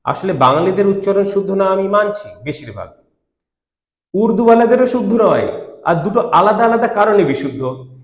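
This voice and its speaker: A man delivers a Quran commentary lecture in a fairly high voice. He argues forcefully and keeps asking rhetorical questions. The recording carries a roomy echo. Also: lively intonation, moderate pace. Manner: emphatic, argumentative, with rhetorical questions. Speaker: Islamic teacher.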